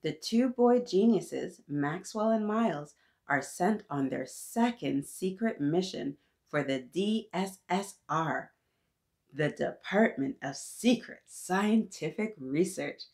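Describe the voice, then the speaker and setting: A woman with a lowish voice speaks slowly as she hosts an interactive storytime, reading to young children in an animated, encouraging way and addressing her little listeners directly.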